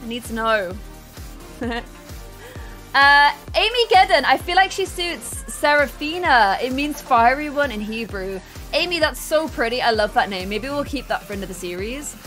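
A young woman chatting excitedly while live-streaming a game, laughing often. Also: sits high, normal speed, soft background music.

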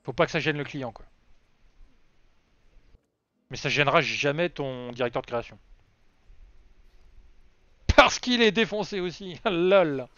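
A man's voice: fairly high pitch, animated, measured pace, pauses often, fairly bright tone, dry recording. A man chatting casually on a game live stream, rambling and self-mocking with lots of fillers. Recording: dry, slightly dull lo-fi sound.

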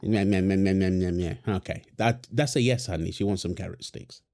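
Sitting low with a darkish tone and a moderate pace, this man voices a young father feeding his baby daughter. The wholesome audio roleplay is affectionate and teasing, with frequent laughter.

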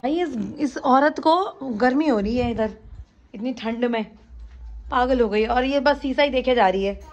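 A woman's voice: fairly high pitch, moderate pace, dull audio, over music. A young woman from Uttarakhand, India, vlogging in a casual, teasing way and talking straight to her viewers from a handheld phone around her home and neighborhood. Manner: chatty and teasing, addresses viewers directly. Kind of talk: casual vlog chat.

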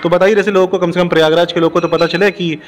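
A middle-aged male reporter with a somewhat high voice asks long, rambling questions into a handheld mic. He is recording in a big indoor gym with a long echo. Light background hiss runs under his voice. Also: little pitch movement, racing. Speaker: news reporter. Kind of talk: news interview. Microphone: handheld news mic. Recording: long hall reverb, faint noise.

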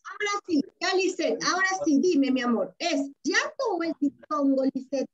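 Peruvian lady teacher doing an online class, bouncy lively voice, keeps repeating stuff for the kids, muffled call audio. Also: high voice, normal speed, crowd noise. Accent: Peruvian Spanish. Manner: patient, affectionate, repeats key words, coaxing questions. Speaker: primary school teacher. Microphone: video call. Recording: dull lo-fi video call audio.

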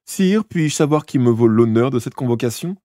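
A man voicing a mischievous, defiant young boy in an audiobook, raising his voice high and loud. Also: lively intonation, normal speed, no room sound, studio quality, lightly acted. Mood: cheeky. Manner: bright, insistent denials. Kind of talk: audiobook character voice.

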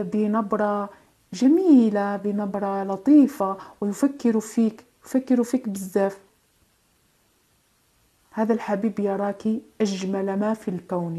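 Female tarot reader, soft-toned and warm, slow soothing delivery with hesitations. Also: mid-range voice. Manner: gentle, reassuring, drawn-out phrasing with hesitations and French phrases. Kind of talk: tarot card reading.

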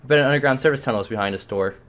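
A man playing through a narrative game, reading its narration and musing aloud about what to do next in a relaxed, casual way. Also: mid-range voice, very fast. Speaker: let's play host. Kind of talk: casual gameplay commentary and reading.

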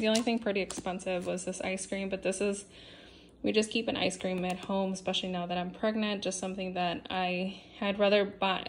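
A woman's voice: medium pitch, gravelly, a little hiss or hum. A young woman casually talking through her week's groceries at home in a chatty, list-like way, with frequent ums and restarts. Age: young adult. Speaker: vlogger. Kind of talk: casual grocery haul narration. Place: home kitchen, indoors.

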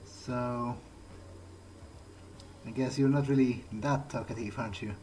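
In a measured, mid-range voice with fairly even intonation and a darkish tone, a man improvises in-character commentary while gaming, sounding hesitant and musing. Game music plays behind the voice-over, with slight background noise.

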